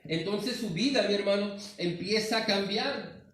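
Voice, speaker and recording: A pastor with a northern Mexican accent preaches earnestly in a large church sanctuary, constantly calling his listeners "hermano." His voice sits high and is a bit bright, his pace a little slow. Picked up from a distance, it echoes heavily through the hall.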